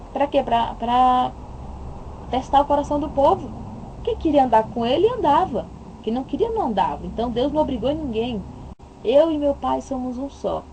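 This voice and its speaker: A woman's voice: a little high, mellow, slight background noise, low-quality recording. A woman with a Brazilian Portuguese accent giving an impassioned religious monologue, emphatic and full of rhetorical questions. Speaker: religious commentator.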